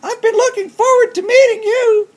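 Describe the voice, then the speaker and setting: A man voicing a tiny, shy, sweet female chipmunk in a squeaky falsetto, polite and eager. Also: steady tone, moderate pace.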